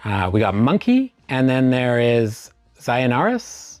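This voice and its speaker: A man's voice: medium pitch, wildly swooping pitch, takes it slowly, a little mellow, no room sound, soft background music. A man hosting a casual live stream, greeting viewers by name and spelling out chat commands.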